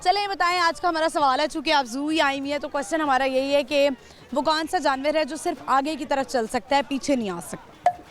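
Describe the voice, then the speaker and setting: A woman's voice: high voice, fairly quick. A woman with a Pakistani Urdu accent hosting a street quiz roadshow outdoors at a zoo, chatting and teasing passers-by on a handheld mic. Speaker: roadshow host. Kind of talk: street vox-pop interviewing.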